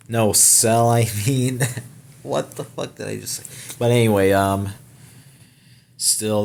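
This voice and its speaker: A man's voice: fairly low pitch, slight background noise. A young man hosting a gaming channel, giving a casual, rambling trailer breakdown with many fillers, restarts and casual swearing.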